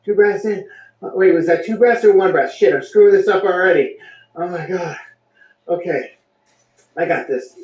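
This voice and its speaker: A man's voice: high voice, moderate pace, long pauses, darkish tone, reverberant, distant mic, muffled recording, natural voice. A man playing the anxious inner voice of a beginner at breath work, muttering fretful thoughts under his breath.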